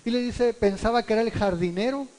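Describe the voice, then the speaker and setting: Male Mexican pastor, high-pitched, conversational preaching in a reverberant church hall. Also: a little fast, darkish tone. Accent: Mexican Spanish. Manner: conversational, acts out quotes with shifting pitch. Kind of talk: verse-by-verse sermon.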